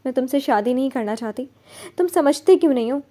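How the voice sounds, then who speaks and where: Narrator lady doing an annoyed, proud woman doctor, sharp and snappy, warm highish voice in a novel reading. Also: animated, brisk. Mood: irritated. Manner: sharp and indignant. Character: proud, irritated woman doctor, older than her suitor.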